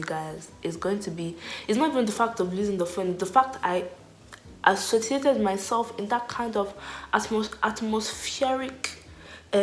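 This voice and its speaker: A young woman telling a storytime vlog in a chatty, animated way, full of 'like'. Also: medium pitch. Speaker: vlogger. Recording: echoey room.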